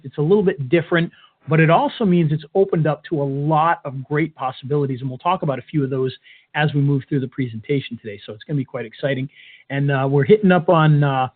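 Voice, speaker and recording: An upbeat, joking man co-hosting and presenting a casual, informal webinar. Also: a little high. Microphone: webcam webinar call. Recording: tinny, phone-like band-limited webinar audio.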